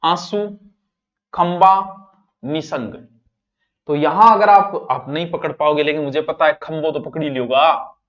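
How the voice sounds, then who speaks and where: A male teacher with a Rajasthani accent works through spelling questions with a class. His voice sits a little high, and he switches playfully into local dialect to tease his students. The recording is dull and lo-fi. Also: a little slow, a bit bright. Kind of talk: exam-prep class on spelling.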